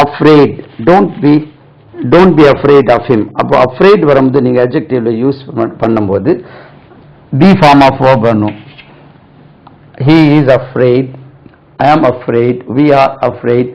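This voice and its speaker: A man gives a spoken English lesson in Tamil at an unhurried pace and keeps checking with "right?". He spells each word out letter by letter and says example sentences very slowly. The recording sounds dull and lo-fi. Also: medium pitch, creaky, a little mellow. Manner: slow, spells words letter by letter and repeats them. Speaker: English teacher.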